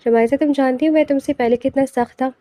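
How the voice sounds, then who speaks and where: A woman's voice: high voice, steady tone, warm tone, no echo, studio quality, lightly acted. A woman voicing a tender young husband, once stern, in an audiobook novel. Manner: tender and affectionate.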